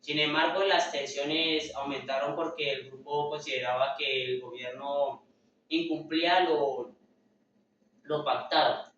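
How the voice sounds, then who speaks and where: A man's voice: fairly high pitch, steady tone, unhurried, fairly bright tone, slight background noise. A young man giving a class presentation, hesitant and filler-heavy, often restarting his words. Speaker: student presenter. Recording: echoey room, far from mic, dull lo-fi.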